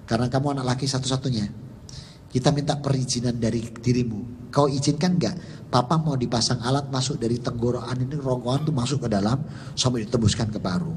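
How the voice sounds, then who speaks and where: A man's voice: mid-range voice, brisk, a little mellow, slight background noise, natural voice. A man voicing his worried older sister urgently reporting over the phone.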